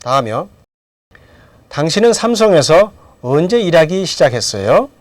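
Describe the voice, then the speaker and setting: Lively-voiced man teaching English grammar. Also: a little high, moderate pace, no echo. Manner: asks questions and answers them himself. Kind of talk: lecture with drills.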